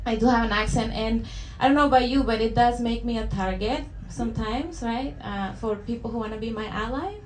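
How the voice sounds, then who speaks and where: This young woman from El Salvador, with a Salvadoran Spanish accent, delivers a stand-up routine for a live comedy-club audience in a highish, slightly mellow voice, brisk and hardly pausing. Still, she comes across as hesitant and self-deprecating, with plenty of fillers and restarts. Laughter rings through the echoey room.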